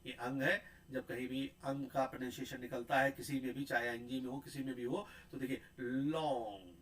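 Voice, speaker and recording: A man giving a pronunciation lecture, repeating sounds and words slowly and often checking in with a tag question. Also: mid-range voice, fairly even intonation, rough recording.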